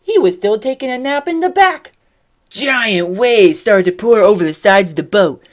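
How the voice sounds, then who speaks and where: Animated young woman telling a kids' Bible story. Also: medium pitch, moderate pace. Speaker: children's Bible teacher. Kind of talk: children's Bible story lesson.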